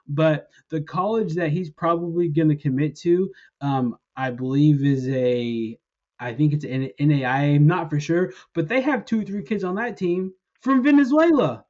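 A man's voice: fairly high pitch, normal speed, darkish tone, muffled recording. A man hosting a sports podcast, giving his opinions and walking through examples step by step in a casual chat. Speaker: podcast host.

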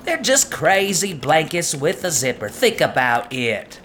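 A man plays a stubborn office coworker who swings his voice wildly from low to high as he presses his strange opinions. He speaks slowly and won't drop the point. Faint office hum and keyboard typing sit behind him. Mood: insistent. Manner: insistent, repeats a flat catchphrase. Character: male coworker pushing odd unpopular opinions.

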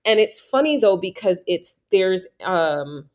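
A New York woman with a mid-range voice hosts a casual conversation at a slow pace. She's reflective and thoughtful, telling lively stories sprinkled with many fillers.

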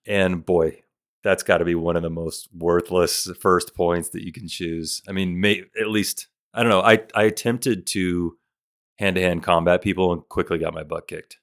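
A man co-hosting a gaming podcast in relaxed, joking chat. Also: low voice, normal speed. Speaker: podcast co-host. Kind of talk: casual chat.

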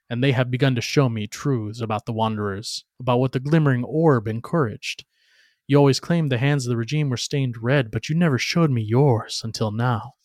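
A man delivers a scripted dramatic monologue as a bitter, bloodthirsty warrior. His voice sits at a medium pitch with a solemn, theatrical weight. The sound is very dry, with no room around it. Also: dry recording. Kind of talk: dramatic scripted narration in character.

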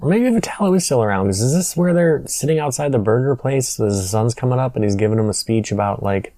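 A man's voice: mid-range voice, animated, fast, warm tone, no echo. A man co-hosting a podcast, recapping a horror movie in casual chat with a wry tone and frequent laughs. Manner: wry, laughs often while recapping scenes. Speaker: podcast co-host.

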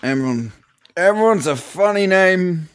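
A man's voice: sits high, lively intonation, a little slow, no room sound, clean studio sound. A man playing a tabletop game, groaning and grumbling in character as a hungover rogue. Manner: groggy, hungover, swearing and grumbling. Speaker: player. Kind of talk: tabletop role-play in character.

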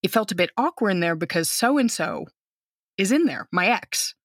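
In a studio-quality recording with no room sound, a woman speaks at normal speed in a mid-range voice. The American teacher, in her thirties, is a guest telling an animated, casual story and doing the voices of the people involved.

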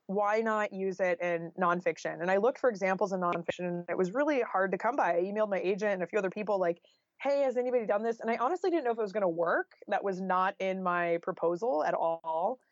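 A nonfiction author being interviewed talks quickly in a medium-pitched voice, sounding casual yet thoughtful. Her conversational answers are sprinkled with fillers like "you know," and the recording is dry and somewhat dull.

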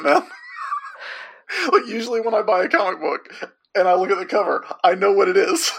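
A man's voice: sits high, gravelly, a bit bright, slightly rough. A man with a Southern accent, co-hosting a casual comic book podcast chat, laid-back, laughing often and swearing casually. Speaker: podcast co-host.

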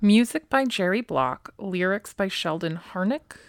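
A woman's voice: medium pitch, lively intonation, unhurried, dry recording. A woman co-hosting a podcast, chatting casually with playful, enthusiastic asides. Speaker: podcast co-host. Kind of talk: casual chat.

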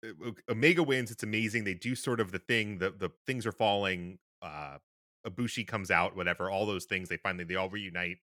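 A man's voice: sits low, steady tone, a little fast, pushed and bright, dry recording, clean studio sound. A man co-hosting a podcast in casual chat, rambling with fillers and restarts. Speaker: podcast co-host.

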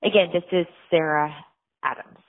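A woman's voice: fairly low pitch, moderate pace. A woman co-host leaving a casual, rambling voicemail over a landline phone, chatty, with fillers and restarts. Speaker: podcast co-host. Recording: tinny phone line.

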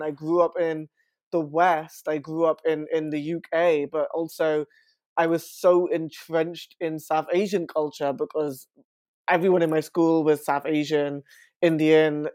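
A young man from West London, chatting as an interview guest with frequent fillers and an animated manner. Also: fairly high pitch, dry recording. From West London, England. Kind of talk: casual interview talk.

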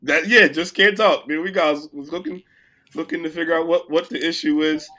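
A man co-hosting a casual sports podcast while sick, his voice cracking, playful and boastful, getting loud when excited. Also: a little high, brisk. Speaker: podcast co-host.

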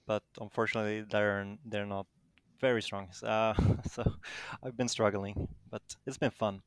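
Man, Danish accent, lowish creaky voice, interview guest, casual answers. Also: flat delivery, normal speed, no echo. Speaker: interviewed tournament champion.

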